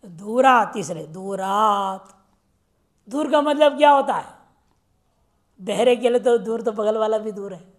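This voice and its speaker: A woman teaching Sanskrit grammar in a lecture. She quizzes her listeners and recites the rules slowly. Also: mid-range voice, expressive. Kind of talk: classroom lecture explaining grammar.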